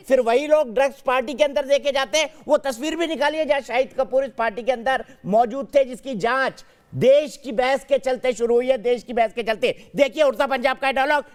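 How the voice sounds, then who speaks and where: TV debate anchor, man with a very high voice, firm and interrupting, keeping order among panelists. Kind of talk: moderating a heated TV debate.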